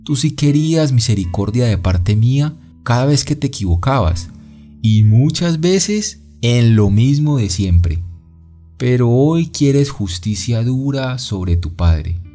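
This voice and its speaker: God speaks as a gentle but firm father, slow and reproving, voiced by a man telling his story. The tone is mellow and dark. Soft guitar plays faintly behind. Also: medium pitch, expressive. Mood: gently reproving.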